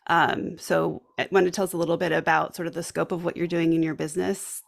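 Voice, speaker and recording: A woman's voice: low-pitched, level tone, quick pace, creaky. A woman hosting a podcast, talking reflectively and affirming her guest often. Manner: warm, reflective, frequent affirming murmurs. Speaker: podcast host. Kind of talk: conversational interview.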